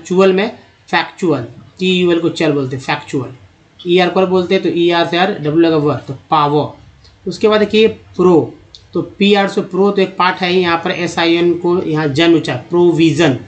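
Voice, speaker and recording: A man teaching English pronunciation in Hindi, slowly sounding out words one by one over slides. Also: sits high, highs cut off.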